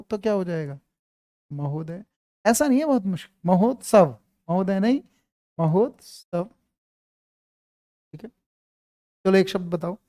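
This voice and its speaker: A man's voice: sits high, mellow, dry recording, studio quality. A man teaching an online grammar class, quizzing his students and repeating his questions.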